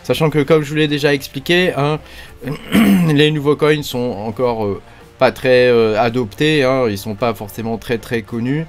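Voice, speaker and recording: A man's voice: medium pitch, measured pace, soft background music. A man hosting a casual mining news roundup, talking loosely with many hesitations and fillers. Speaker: crypto mining channel host.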